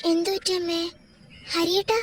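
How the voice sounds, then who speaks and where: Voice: extremely high pitch, flat delivery, moderate pace, a bit bright, slight background noise. A performer voicing a bewildered young wife in a home-made doll drama, pleading in confusion and close to tears. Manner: pleading, confused, rising to tearful.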